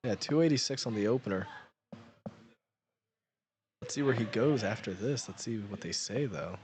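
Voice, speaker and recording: A man giving excited live commentary at a powerlifting meet, calling each lift and its result. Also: fairly low pitch, moderate pace. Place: powerlifting gym.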